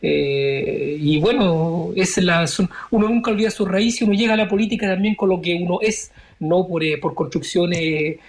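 A man in his forties, born in Chile, answering interview questions as a member of parliament in a measured way, searching for his words. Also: high voice, steady tone. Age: 40s.

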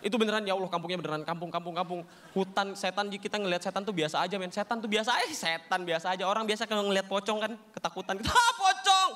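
A man's voice: high-pitched, very fast, fairly bright tone. A young man performing a stand-up comedy set in casual, slangy banter, acting out scenes and laughing between jokes. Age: young adult.

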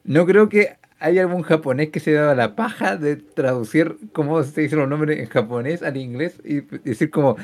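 A man with a somewhat high voice cuts in with wry, teasing remarks. His delivery is casual and amused, as in banter among friends. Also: moderate pace, few pauses, a little mellow.

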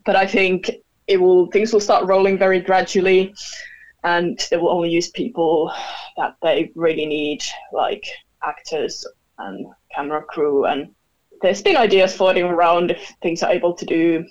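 A woman from Finland chatting as a guest over a video call, laughing often and pausing with fillers. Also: lowish voice, steady tone. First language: Finnish. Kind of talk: casual chat. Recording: dull lo-fi call audio.

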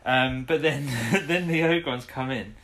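A man's voice: mid-range voice, unhurried, a bit bright. A man co-hosting a casual podcast, rambling through an episode recap with restarts and chuckles. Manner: rambling, self-interrupting, chuckling. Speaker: podcast co-host. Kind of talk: casual chat about an old TV episode.

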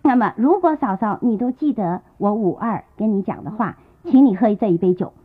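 Woman storyteller playing a stern brother laying down the rules, slow and grave, tinny phone-like old recording. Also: on the high side, expressive. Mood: coldly warning. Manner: slow, measured admonishing. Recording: tinny lo-fi tape.

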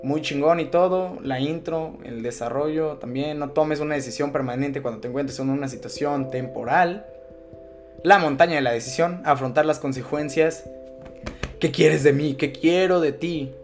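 Young Mexican podcast host, blunt and preachy, slang-heavy, light music bed underneath. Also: male voice, on the high side, moderate pace. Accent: Mexican Spanish. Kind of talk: casual podcast chat.

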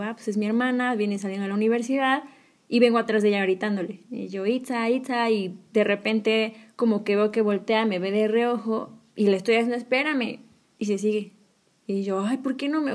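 A woman with a Mexican Spanish accent telling a personal story in casual chat, acting out her own reactions. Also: mid-range voice.

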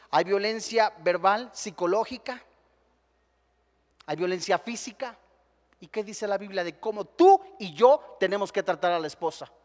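A male preacher with a Mexican Spanish accent delivers an emphatic sermon, firing rhetorical questions at his listeners. His voice sits very high. A long reverb from the church hall trails each phrase. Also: a little mellow.

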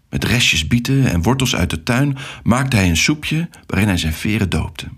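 A man narrating a children's story with an expressive, animated reading. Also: on the low side, breathy edge.

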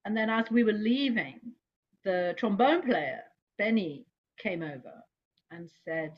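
A woman's voice: medium pitch, unhurried, breathy edge. A woman, a jazz singer, telling stories from her life in a casual interview, laughing often and jumping her voice up when she quotes herself. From England. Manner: animated, laughing, voice jumps up when quoting herself. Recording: slightly dull lo-fi sound.

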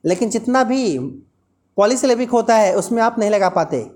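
A woman's voice: on the high side, animated, normal speed, darkish tone. A woman teaching an English lesson, explaining patiently and repeating example words aloud.

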